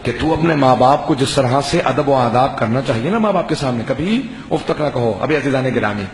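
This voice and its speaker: A man from Pakistan preaching a sermon, telling a devotional story with passion and slowing down for solemn quoted replies. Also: medium pitch, expressive, a little hiss or hum. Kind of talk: Urdu majlis sermon. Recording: echoey hall.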